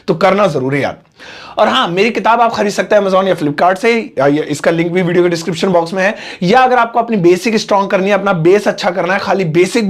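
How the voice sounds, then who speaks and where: A young man teaching spoken English, explaining phrases step by step and spelling English words out slowly. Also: sits high.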